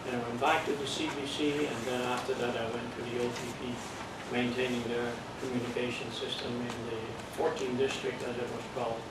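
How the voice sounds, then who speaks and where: An older man from the Netherlands teaches an amateur radio class, his mid-range, Dutch-accented voice flat, a little fast, and with few pauses. He lectures step by step in a plain, patient way, joking and checking in as he goes. Sound comes from across an echoey room with plenty of noise.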